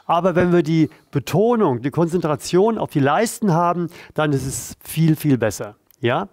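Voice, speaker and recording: Male exercise coach, fairly high voice, dry sound, direct and encouraging. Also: animated, moderate pace, a little mellow, no echo. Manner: direct, encouraging, addresses viewer informally. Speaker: pain therapist leading exercises. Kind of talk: instructional exercise demonstration.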